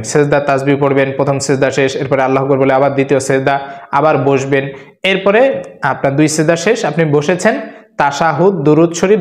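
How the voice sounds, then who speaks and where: A man calmly explaining how to pray, step by step, and reciting Arabic prayers as he teaches. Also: fairly high pitch, reverberant. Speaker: Islamic teacher. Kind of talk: religious instruction video.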